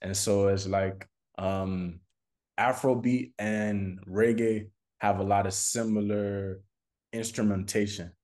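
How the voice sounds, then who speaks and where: This Florida-born American musician speaks slowly in a lowish, slightly mellow voice with fairly even intonation. Being interviewed as a recording artist, he keeps it informal and slangy, repeating phrases to drive points home.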